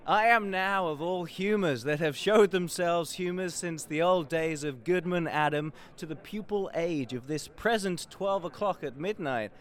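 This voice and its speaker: An actor playing a mocking young prince in Shakespearean style, teasing and theatrical in delivery. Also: male voice, fairly high pitch, unhurried, hardly any pauses, close to an everyday voice. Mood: merry, mocking. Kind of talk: Shakespearean stage acting.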